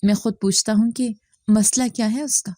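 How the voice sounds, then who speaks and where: A woman's voice: mid-range voice, steady tone, dark tone, dry recording, clean studio sound, close to an everyday voice. A woman voicing a young husband abroad who speaks tersely and insistently. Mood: frustrated. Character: young husband working abroad, frustrated and suspicious.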